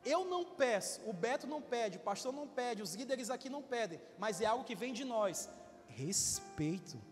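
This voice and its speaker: A Brazilian pastor in his twenties preaching a sermon with loud swells and calls for amens. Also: very high-pitched, lively intonation, moderate pace, long reverb tail. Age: 20s. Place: church hall.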